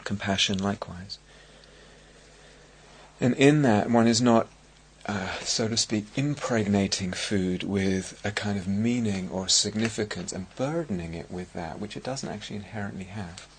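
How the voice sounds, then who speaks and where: A middle-aged man with an English accent giving a dharma talk as a meditation teacher, speaking in a reflective, halting way with many restarts. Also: lowish voice, a little hiss or hum. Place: meditation hall at a retreat centre.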